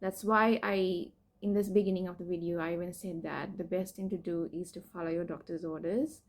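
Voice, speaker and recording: This young adult PhD student from Sri Lanka recounts her cancer treatment in an open, personal vlog. Her pitch is fairly low and her intonation fairly even, and she talks briskly, though hesitantly, with many fillers and gentle laughs.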